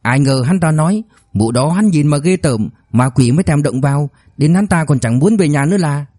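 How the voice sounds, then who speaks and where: A man's voice: fairly high pitch, lively intonation, normal speed, warm tone, no room sound, clean studio sound. A man voicing a young debt-collector sidekick who pleads in a wheedling, earnest tone.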